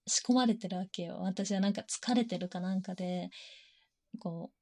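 Giggly woman, low mellow tone. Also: moderate pace. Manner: chatty, giggly, frequent fillers. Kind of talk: casual erotic confessional monologue.

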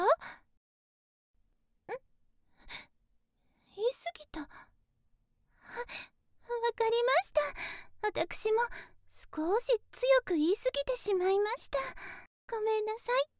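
[name]: a woman voicing a very high, sweet, sheltered young lady. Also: no room sound, clean studio sound. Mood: earnest, gushing. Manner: very polite formal speech, airy and innocent. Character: naive, sheltered, overly polite young woman. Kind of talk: one-sided situation voice drama.

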